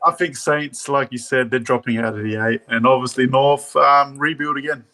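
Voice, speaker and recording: An Australian man talks through football casually as a podcast panellist. His voice is bright and forceful, at an average male pitch. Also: steady tone, moderate pace.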